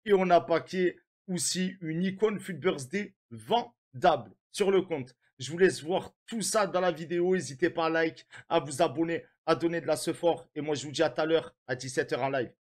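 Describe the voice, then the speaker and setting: A young man with a French accent, a gaming streamer giving slangy pack opening commentary and shouting when a good card comes up. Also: fairly high pitch, moderate pace, hardly any pauses.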